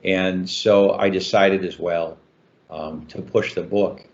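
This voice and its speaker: Deep-voiced older man, dull call audio. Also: steady tone, slow pace. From Chicago. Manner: talkative, many fillers and restarts. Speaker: author guest. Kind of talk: interview answers.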